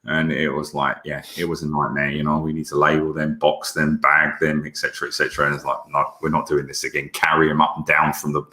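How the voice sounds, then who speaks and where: A man's voice: very deep voice, completely flat delivery, fast talker, hardly any pauses, bright, forceful tone, roomy sound. A man chatting casually over a remote online call, his audio cutting in and out on a bad internet connection, rambling with lots of fillers. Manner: rambling, with many fillers and restarts. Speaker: seller speaking on a live Q&A. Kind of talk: casual chat.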